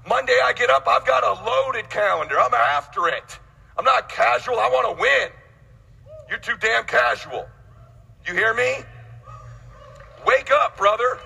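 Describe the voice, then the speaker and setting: Intense, gravelly motivational speaker man. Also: very high voice, pushed and bright, long reverb tail, rough recording. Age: 40s. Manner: blunt, intense, preachy, swears freely. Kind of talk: motivational speech.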